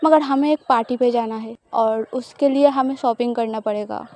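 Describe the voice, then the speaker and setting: Lady voicing a teasing possessive girlfriend, coaxing, high mellow tone. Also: moderate pace, close to an everyday voice. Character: teasing, possessive young woman lover. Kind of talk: audio love story reading.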